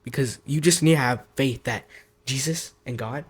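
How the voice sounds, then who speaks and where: A man's voice: mid-range voice, moderate pace, a little hiss or hum. A young man talking casually about faith, with many fillers. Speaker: guest. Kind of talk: casual testimony.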